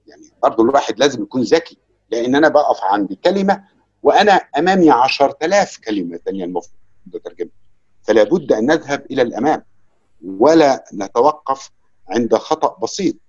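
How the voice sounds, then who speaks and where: A man's voice: mid-range voice, expressive, fast, darkish tone, breathy edge, lo-fi sound. A man with an Egyptian accent, a conference interpreter giving a reflective talk with many fillers. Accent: Egyptian Arabic. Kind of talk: lecture and casual Q&A.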